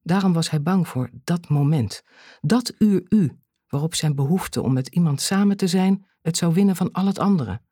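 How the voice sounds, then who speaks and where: An audiobook narrator reading a thriller in a measured way, with dramatic pauses. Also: mid-range voice, animated, mellow, slightly rough, no room sound, clean studio sound.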